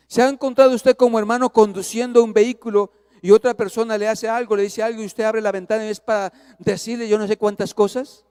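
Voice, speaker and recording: Pastor preaching, high voice, big echoey church, goes from hushed to loud. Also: male voice, smooth. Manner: preaching with swings from hushed to loud, acting out an anecdote. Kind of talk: sermon.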